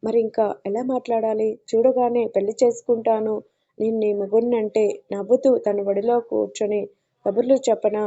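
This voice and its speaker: A woman voicing a fiery, independent young woman who answers with sharp, defiant retorts in an audio story. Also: a little high, flat delivery, moderate pace, lo-fi sound.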